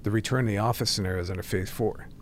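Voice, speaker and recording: A man's voice: on the low side, fairly even intonation, very fast, slight background noise. A man chatting as a guest, explaining things in an easygoing way. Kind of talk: casual chat.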